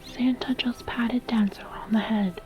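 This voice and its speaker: A woman telling a scripted story as gentle, deliberate whispered ASMR narration. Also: on the high side, steady tone, music in the background.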